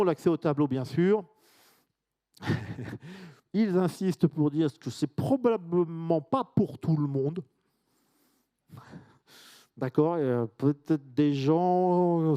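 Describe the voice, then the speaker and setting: A man's voice: a little high, dark tone, clean tone. A man from France giving an informal conference presentation, chatty, with asides and questions to the audience. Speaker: conference speaker.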